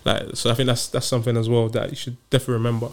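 A young man talks at a brisk pace. He words his explanations carefully and gives advice in a casual, conversational way. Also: medium pitch, monotone. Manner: measured wording, explains and advises. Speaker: podcast guest.

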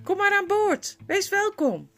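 A woman voicing a young king at sea, speaking in a calm, commanding way. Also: mid-range voice, moderate pace.

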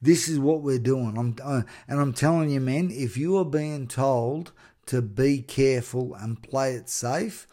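Earnest, excitable man telling stories. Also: medium pitch, measured pace. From Australia. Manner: earnest and excitable, with many restarts and repeated words. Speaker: podcast host. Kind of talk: motivational storytelling monologue.

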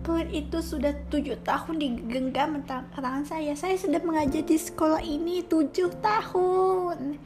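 A woman's voice: high voice, fairly even intonation, moderate pace, hardly any pauses, over music, close to an everyday voice. A woman doing a tearful male sports teacher.

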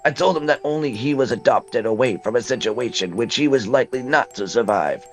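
A man's voice: mid-range voice, a little fast, faint music behind, natural voice. A man putting on an old woman's storytelling voice. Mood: grim, proud. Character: elderly mother telling a dark secret.

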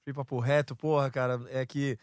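A man's voice: medium pitch, flat delivery, moderate pace, clear, resonant tone, no echo, studio quality. A man with a São Paulo Brazilian accent chatting casually as a podcast guest, in heavy urban street slang. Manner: heavy urban street slang, peppered with bro-type address words. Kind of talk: casual chat.

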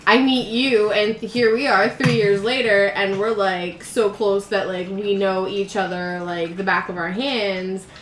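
A woman's voice: mid-range voice, steady tone, a little slow, few pauses, a bit bright. A woman co-hosting a casual podcast chat, giggling often and rambling through restarts. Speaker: podcast co-host. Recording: echoey room with faint background noise.

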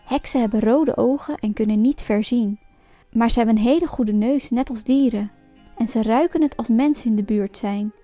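Woman storyteller with a fairly high voice, reading a fairy tale aloud, lively and expressive. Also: moderate pace, no echo. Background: faint music.

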